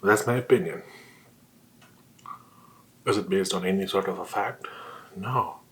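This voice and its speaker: Low-voiced man rambling with his mouth full. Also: a little slow. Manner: talking while eating, mouth sometimes full; rhetorical questions answered by himself. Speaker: vlogger. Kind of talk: casual opinion rant, talking to himself.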